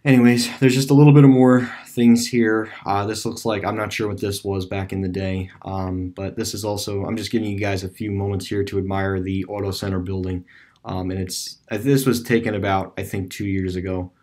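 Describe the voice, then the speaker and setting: His voice is lowish and darkish, his delivery flat and fairly quick, as a video creator talks casually over a screen-recorded map tour of a closed store on street view. He rambles, with plenty of fillers and restarts.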